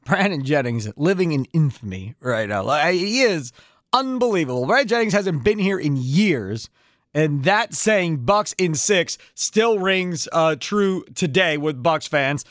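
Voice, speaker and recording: A man's voice: a little high, lively intonation, unhurried, fairly bright tone, no room sound, clean studio sound. A man hosting a live postgame sports call-in radio show, chatty and emphatic, repeating phrases.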